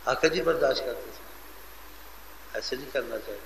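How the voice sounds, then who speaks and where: A man preaching in an emphatic, animated storytelling sermon. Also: medium pitch, vocal fry, a little hiss or hum. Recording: echoey hall, faint ambience.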